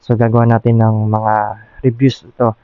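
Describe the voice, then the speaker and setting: A man with a Filipino accent, a motovlogger and product reviewer, chats informally through his motorcycle helmet's Bluetooth intercom during a vlog-style demo. His medium-pitched voice is monotone at normal speed, recorded dry over soft background music, with the dull mic catching loud noise.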